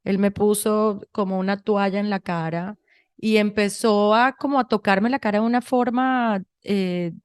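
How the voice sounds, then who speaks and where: A woman in her thirties from Venezuela with a Venezuelan Spanish accent, co-hosting a podcast and telling stories in a chatty, animated way with many restarts. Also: mid-range voice, a little slow, clean tone, no room sound, studio quality. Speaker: podcast co-host. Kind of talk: casual conversation.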